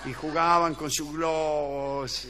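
A man with an Argentine accent telling an absurd story deadpan on a comic radio sketch, acting out the voices he quotes and chuckling. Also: a little high, slow, background noise.

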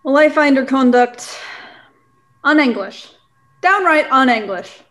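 A woman's voice: high-pitched, lively intonation, a little slow, a bit bright. A woman playing a huffy, impatient squire in a radio play, haughty and indignant.

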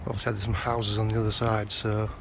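A man's voice: on the low side, monotone, quick pace. A man giving terse, muttered running commentary as he explores an abandoned rural building on a handheld camera. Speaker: urban explorer. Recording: noisy outdoor ambience.

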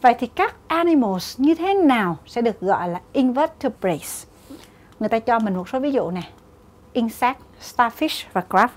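A woman with a Vietnamese accent working through English exam questions in Vietnamese, explaining each answer step by step. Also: on the high side. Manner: methodical, mixes English terms into Vietnamese explanations. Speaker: English exam prep teacher.

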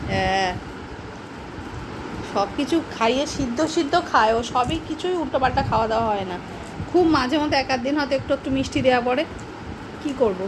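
Woman, very high voice, bouncy sing-song pitch, baby talk to a dog, noisy home recording. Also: expressive, a little fast, pauses often. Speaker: dog owner filming her pet. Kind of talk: casual home video, coaxing a dog.

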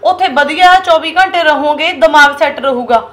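A woman's voice: sits high, moderate pace, lightly acted. An actress playing a defiant young daughter-in-law with a Punjabi accent who talks back to her in-laws. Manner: defiant, retorting.

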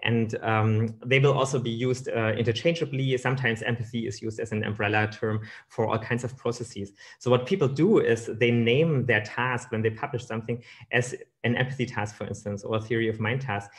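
A man's voice: medium pitch, steady tone, a little fast. A man in his thirties giving a keynote lecture over slides from a room on a webcam, with many fillers and restarts. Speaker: keynote speaker.

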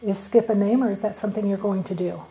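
A woman's voice: medium pitch, steady tone, fast talker, dark tone, rough recording. A woman working as a paranormal investigator, politely putting short, simple questions to spirits. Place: indoor classroom at night.

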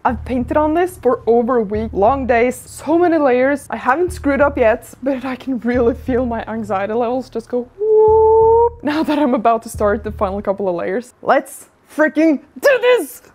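Giggly, excitable woman crafter. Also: on the high side, normal speed, hardly any pauses. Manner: chatty and excitable, laughs often. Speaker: craft video host. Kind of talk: casual crafting vlog narration.

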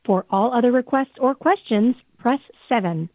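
A woman's voice: fairly high pitch, dry recording. Recorded phone menu voice of a woman. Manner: even, measured, polite. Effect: recorded phone menu message. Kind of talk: scripted recorded announcement. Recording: tinny phone line, dry.

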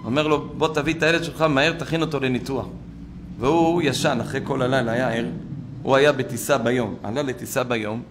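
A middle-aged man, a rabbi giving a storytelling sermon in a synagogue, who swings from loud exclamations to hushed asides. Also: medium pitch, vocal fry.

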